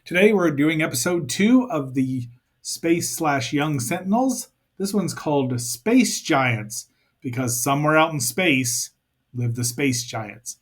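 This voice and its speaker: Husky man recapping a show casually. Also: on the high side, lively intonation, slow. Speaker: podcast host. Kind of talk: casual episode recap and commentary.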